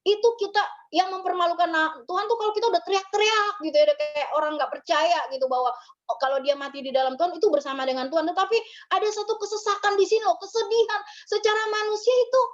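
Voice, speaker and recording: A woman's voice: extremely high pitch, fairly even intonation, quick pace, lo-fi sound. A woman pastor giving a conversational memorial sermon, often ending her phrases with little tag words. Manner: conversational, tags phrases with ya and gitu.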